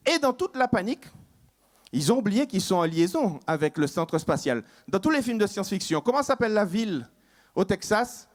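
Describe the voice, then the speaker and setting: A high-voiced man performs a stand-up comedy story. His delivery is lively and teasing, with plenty of sound effects. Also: normal speed.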